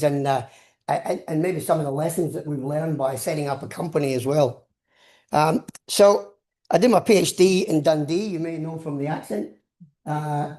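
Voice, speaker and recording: In roomy, echoing lecture sound, an older Scottish man teaches science informally as a professor, wandering into stories and repeating himself. His voice is on the high side with a dark tone.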